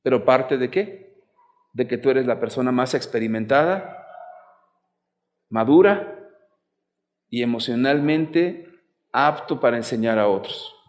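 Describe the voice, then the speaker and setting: A man's voice: mid-range voice, a little slow, long pauses. A man giving a talk on marriage and family to couples, conversational and asking the audience questions. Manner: conversational, asks the audience questions, lively examples. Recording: long hall reverb.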